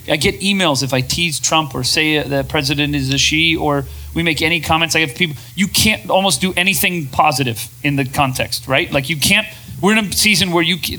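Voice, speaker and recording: A man co-hosting a talk show, speaking in a casual, animated way to a room of listeners and slipping into quoted voices. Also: on the high side, low-quality recording. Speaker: podcast co-host. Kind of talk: casual talk to a live audience. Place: room with an audience.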